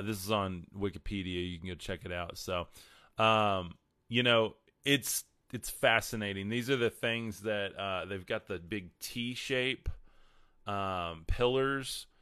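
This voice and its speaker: A man with a West Texas twang hosts a casual livestream. His voice sits fairly low and is smooth and clean, recorded close and dry. He chats informally with viewers in a drawl. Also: fairly even intonation, a little slow, pushed and bright, dry recording. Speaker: livestream host. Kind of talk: casual livestream talk, answering viewer questions.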